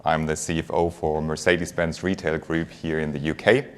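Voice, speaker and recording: A native German speaker with a German accent, this man has a very deep voice and a flat delivery at a moderate pace. He's a finance executive giving a conversational conference presentation, drawing the audience in with light humour.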